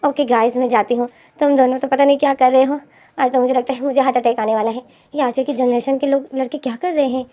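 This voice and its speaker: A woman voicing a fussy, excitable middle-aged mother who asks shrill, fretful questions, in a storytelling narration. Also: fast talker, lightly acted. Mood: fussing.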